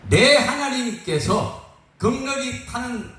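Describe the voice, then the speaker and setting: A man voicing defiant young men who refuse the king in a slow, solemn declamation, heard in an echoey room. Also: extremely high pitch, lively intonation, pushed and bright, voice pushed up, heavily acted. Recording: echoey room from far off on a phone.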